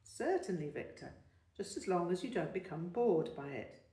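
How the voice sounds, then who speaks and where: For an audiobook, a woman voices a patient older music teacher who carefully explains things and gently encourages his young pupil in a measured way. Her voice is lowish, expressive, and natural, recorded with a distant mic in a roomy space.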